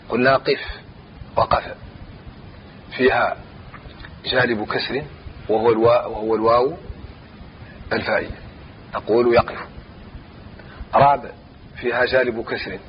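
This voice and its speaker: A man teaching a grammar lesson, reciting verse lines slowly and repeating phrases as he explains each example. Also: mid-range voice, highs cut off, a little hiss or hum.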